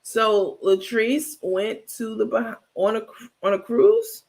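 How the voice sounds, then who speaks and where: A man hosting a live stream, casually gossiping and reacting to his viewers' chat in an animated, blunt, talkative way. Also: high-pitched, takes it slowly. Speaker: livestream host.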